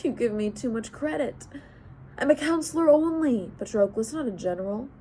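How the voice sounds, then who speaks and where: A woman voicing a calm, cunning male king and counselor who speaks in a measured, wry way. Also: a little high, a little hiss or hum, voice pushed up, natural voice.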